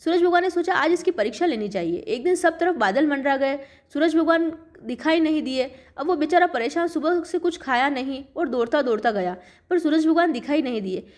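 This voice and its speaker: A woman's voice: sits high, lively intonation, a little fast. A woman, narrating devotional folk tales in a plain, homely storytelling tone.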